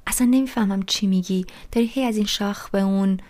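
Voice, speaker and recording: A woman's voice: mid-range voice, a little mellow, close to an everyday voice. A woman voicing an impatient teenage girl who answers in short, dismissive lines in an audiobook. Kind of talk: audiobook reading.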